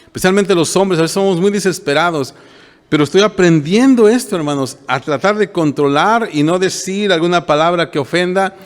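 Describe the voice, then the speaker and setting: A man's voice: sits high, moderate pace, big-room sound. An older male pastor preaching a homely, conversational sermon to his congregation and often checking in with them. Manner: homely, plain-spoken, often asks the congregation "¿verdad?".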